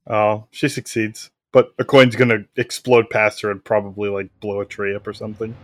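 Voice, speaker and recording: A man's voice: fairly low pitch, level tone, moderate pace, no room sound. Man playing tabletop, dry close sound. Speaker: player in a tabletop game. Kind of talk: casual game chat.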